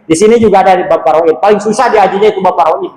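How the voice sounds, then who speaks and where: A man giving an animated, religious study sermon. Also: high voice, fast talker. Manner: animated, colloquial, rises sharply for emphasis. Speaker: religious teacher. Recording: echoey room with faint background noise.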